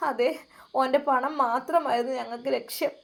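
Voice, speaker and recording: A woman's voice: high voice, fairly even intonation, slow. A woman voicing a desperate middle-aged woman who pleads tearfully for mercy. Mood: pleading, tearful.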